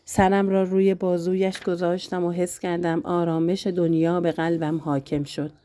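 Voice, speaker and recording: A woman reading a novel aloud in first person, with a soft, even storytelling delivery on a close mic. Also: fairly low pitch. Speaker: audiobook narrator.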